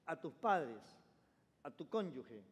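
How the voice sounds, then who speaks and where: Male pastor, high voice, emphatic call-and-response preaching, long church reverb. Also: sing-song, slow pace. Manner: emphatic, calls congregation to repeat phrases. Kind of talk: sermon. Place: church sanctuary.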